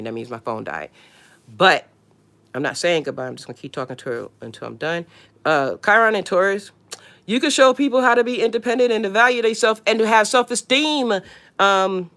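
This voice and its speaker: A woman's voice: deep voice, vocal fry, a bit bright. A woman hosting a casual astrology livestream, answering viewer questions bluntly with slang and the odd swear word.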